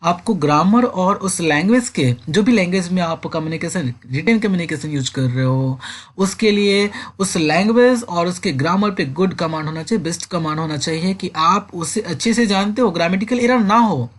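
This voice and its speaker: Man teaching a class lesson. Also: sits high. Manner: mixes Hindi and English, reads English lines slowly then explains. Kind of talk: classroom lecture.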